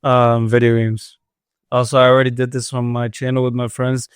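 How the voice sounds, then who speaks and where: A man's voice: mid-range voice, completely flat delivery, moderate pace, clear, resonant tone, dry recording, clean studio sound. A young man co-hosting a casual podcast, talking hesitantly with many fillers. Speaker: podcast co-host. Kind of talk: casual chat.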